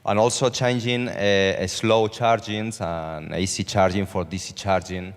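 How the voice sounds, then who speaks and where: Man, very low voice, hesitant, conference hall echo. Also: steady tone, unhurried, smooth. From Spain. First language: Spanish. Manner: hesitant, many fillers, checks with "okay?". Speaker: panelist, company CEO. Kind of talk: halting panel answers.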